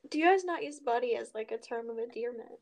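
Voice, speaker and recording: An eighteen-year-old woman co-hosting a casual podcast, playful and animated. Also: fairly high pitch, quick pace. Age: young adult. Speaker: podcast co-host. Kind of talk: casual chat.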